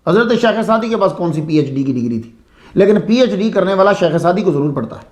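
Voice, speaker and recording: High, lively-voiced man giving a sermon. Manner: conversational, asks the audience questions. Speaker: religious speaker. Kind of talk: sermon-style storytelling lecture.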